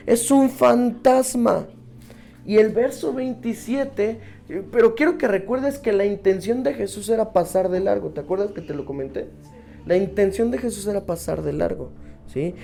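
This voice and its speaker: A man's voice: high-pitched, creaky, warm tone. A man preaching a sermon who keeps checking in with his listeners through rhetorical questions.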